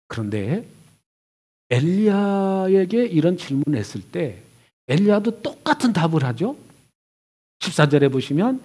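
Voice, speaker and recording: Pastor guy preaching, high voice, swings from hushed to loud, acts out the lines he quotes. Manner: expressive preaching, voicing God and Elijah in turn, swinging from hushed to loud. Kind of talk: sermon.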